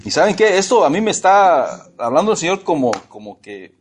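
A man's voice: high voice, big pitch swings, brisk, slight background noise. A man preaching a sermon to his congregation. He is emphatic, repeats words and asks his listeners questions. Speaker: pastor.

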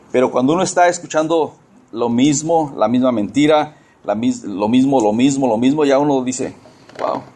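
A man delivering a sermon in an earnest preaching voice. His pitch sits in the ordinary middle range for a man. He circles back on his words, repeating phrases to drive each point home. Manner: earnest preaching, mimics churchgoers in high excited bursts. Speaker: pastor.

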